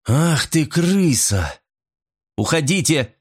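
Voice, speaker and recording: A man's voice: mid-range voice, lively intonation, moderate pace, lightly acted. Man voicing a polite, indignant young woman. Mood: indignant, furious. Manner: polite turning sharp.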